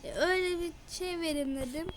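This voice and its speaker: A woman's voice: very high-pitched, a little fast, noisy background. A young woman giving casual gameplay commentary, often exasperated and complaining to her viewers. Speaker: gaming channel host. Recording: loud game music behind the voice.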